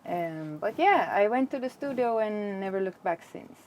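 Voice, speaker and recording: A Swedish woman with a Swedish accent touched by Jamaican patois, answering interview questions in a chatty, animated way. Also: medium pitch, normal speed, slight background noise. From Sweden. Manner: chatty, laughs easily, animated storytelling. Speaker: dancehall artist.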